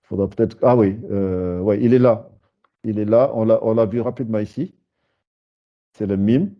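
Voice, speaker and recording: A man leads a beginner class, patiently repeating and breaking words into syllables. His voice sits a little low. The recording is dull and lo-fi. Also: normal speed. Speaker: Arabic teacher. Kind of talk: live beginner language lesson.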